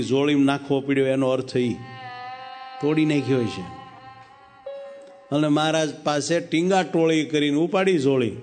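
A preacher tells a devotional story in an animated, dramatic way. His fairly high voice swoops up and drops low as he moves the story along, and faint music plays behind him. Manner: animated storyteller, dramatic shifts in pitch and pace. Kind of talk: sermon storytelling.

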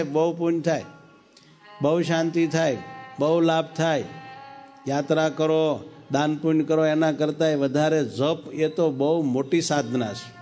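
A man preaching through a story, animated and dramatic, with sharp shifts in pitch and pace. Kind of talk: sermon storytelling.

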